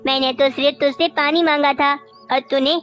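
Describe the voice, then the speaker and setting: A woman voices an elderly mother crow in a cartoon, meek and plaintive in her complaints. Her voice sits high, with soft music in the background. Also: fairly even intonation, moderate pace, highs cut off. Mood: wounded. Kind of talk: cartoon voice acting.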